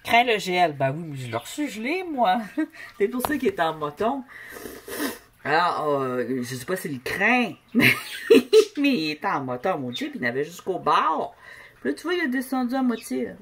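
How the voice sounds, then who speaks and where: A woman's voice: on the low side, sing-song, normal speed, fairly bright tone, a little hiss or hum. Chatty Québécois woman reviewing paint. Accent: Québécois French. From Canada. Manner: chatty, joking, reads labels aloud. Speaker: craft vlogger. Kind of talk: casual product review. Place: home, with a noisy pet bird.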